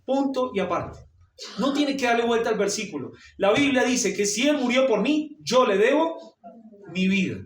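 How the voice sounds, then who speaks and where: Male pastor, high voice, sermon recorded from far off in a roomy hall. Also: expressive, normal speed. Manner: asks the congregation questions and answers them. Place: church hall. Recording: roomy church hall, mic far off, faint noise.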